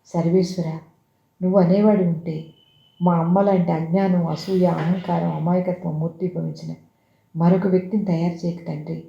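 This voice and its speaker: A storyteller voicing an indignant, exasperated middle-aged man who shouts in protest, in a roomy, dull recording. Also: mid-range voice, flat delivery, normal speed, gravelly, slight background noise, lightly acted. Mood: pleading.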